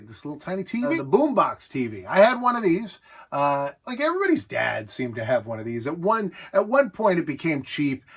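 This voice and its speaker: Presenting his vintage gadget collection, a middle-aged man with an American accent rambles along with nostalgic enthusiasm in a casual show-and-tell. He talks a little fast in a slightly high, husky voice with big pitch swings.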